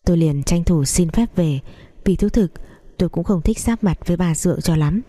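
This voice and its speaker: A woman narrating a dramatic story in the first person, steady and measured. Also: on the low side.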